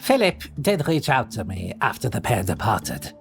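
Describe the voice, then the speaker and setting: Fully in character for an ASMR audio roleplay, a man with a lowish, slightly bright voice swoops wildly in pitch at a normal speed, with soft background music. He is the lead of an audio drama, a tired, theatrical immortal whose florid, sardonic lines land wryly and wearily.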